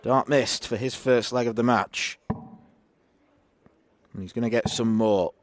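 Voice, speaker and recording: A man's voice: mid-range voice, steady tone, slow pace. A man giving live darts commentary in a conversational way, with wry observations.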